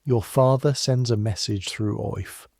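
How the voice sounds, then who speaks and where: A man narrating a history story for sleep in the second person, measured, unhurried and softly grave. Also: on the low side, steady tone, vocal fry, no room sound, clean studio sound.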